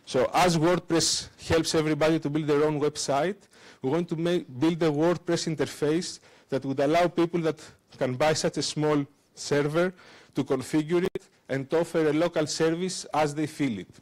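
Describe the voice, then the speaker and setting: In a conference lecture room, a man presents a technical talk and live demo through a handheld microphone. His voice is a little high and darkish, with fairly even intonation, and his non-native delivery halts often with fillers and restarts.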